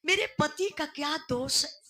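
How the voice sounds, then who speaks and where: A woman's voice: high-pitched, a little slow, bright, forceful tone. A Bhojpuri-accented woman voicing a desperate grieving young mother who pleads and sobs. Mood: sobbing. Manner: pleading, sobbing.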